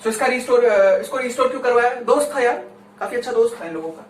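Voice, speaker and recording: Speaking in an extremely high, expressive voice at a fast clip, an Indian man teaches a conversational classroom lecture. He's chatty and keeps checking in with his listeners. The recording sounds roomy and echoey, with a distant mic and faint background noise.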